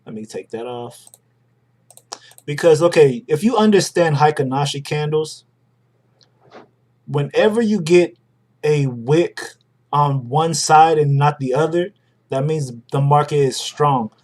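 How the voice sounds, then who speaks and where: A man's voice: on the high side, unhurried, long pauses, darkish tone. A young adult man hosting a live stream, talking casually through charts and greeting viewers by name. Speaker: livestream host.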